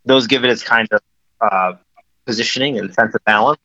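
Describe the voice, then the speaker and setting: A man talking on speakerphone with the phone held away from him, so his voice comes back echoey and cuts in and out. He explains things in a relaxed, conversational way with many fillers. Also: medium pitch, fairly quick. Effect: speakerphone with the phone held away, echoey and cutting in and out. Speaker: guest. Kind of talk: casual interview. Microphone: phone on speakerphone away from his mouth. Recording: dull, echoey phone line.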